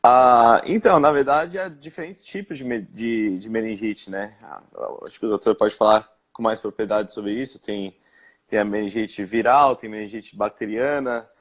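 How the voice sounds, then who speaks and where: A young man from Brazil speaking in a live-stream interview, recounting his experience with many pauses, fillers and restarts. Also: fairly low pitch. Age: young adult. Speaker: interviewed guest.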